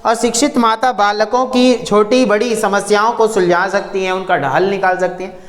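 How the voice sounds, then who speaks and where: A man's voice: high-pitched, little pitch movement, moderate pace. Man, teacher, textbook lesson, reads then explains simply, firm advice to students, echoey room. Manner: reads textbook lines, then restates them in plain words; lectures students firmly with direct advice.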